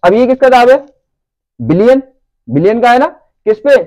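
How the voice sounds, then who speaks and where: A man's voice: very high-pitched, sing-song, normal speed, darkish tone, dry recording, rough recording. A man teaching a lecture who keeps asking the class whether they follow. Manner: checks understanding with repeated questions.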